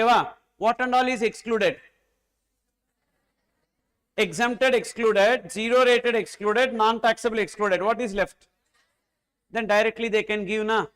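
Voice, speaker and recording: A man with a Tamil accent teaches an exam-focused accountancy class in a high, slightly bright, smooth voice. He repeats key phrases and keeps checking in with short rhetorical questions.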